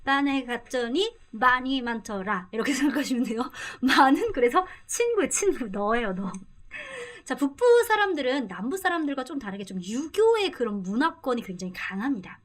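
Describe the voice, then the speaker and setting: Middle-aged woman, high pitch, energetic online language tutor who repeats and drills phrases. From Korea. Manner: drills words with slow repetition, laughs often. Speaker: Vietnamese language teacher. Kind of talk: lively online language lesson.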